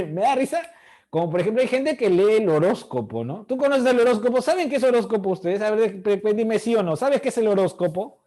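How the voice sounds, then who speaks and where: A man's voice: sits high, lively intonation, fairly quick, dark tone. A middle-aged man teaching an online class, asking the students questions and acting out their voices.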